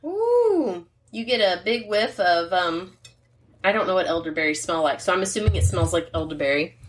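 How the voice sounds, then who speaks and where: A woman's voice: fairly low pitch, sing-song, normal speed. Chatty woman podcast host. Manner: chatty and rambling, reads labels aloud. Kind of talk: casual chat.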